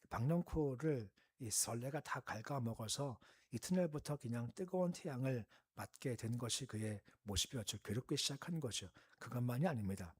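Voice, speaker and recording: A male pastor giving an early-morning prayer sermon, explaining in a calm conversational teaching tone and asking the listeners questions. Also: medium pitch, husky.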